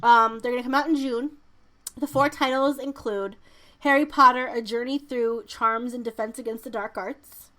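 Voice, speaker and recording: A woman's voice: fairly high pitch, fairly even intonation, normal speed, sharp tone. A woman co-hosting a podcast in casual chat, informal and emphatic, sometimes reading out news items. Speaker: podcast co-host.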